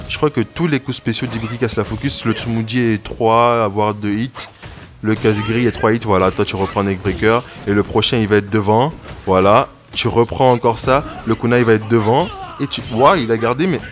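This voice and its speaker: A man talks through his online fighting game matches in loose, rambling commentary. He restarts sentences often and bursts out when something surprises him. Loud game music plays under his voice. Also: on the low side. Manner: rambling play-by-play with frequent restarts and sudden excited outbursts. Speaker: gaming video creator. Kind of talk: casual gameplay commentary.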